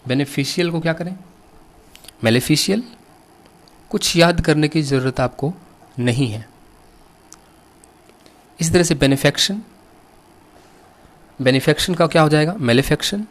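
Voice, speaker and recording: A middle-aged man with an Indian accent teaching an English vocabulary lesson, spelling words letter by letter and asking his students questions. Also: a little high. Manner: slow, patient, asks students questions.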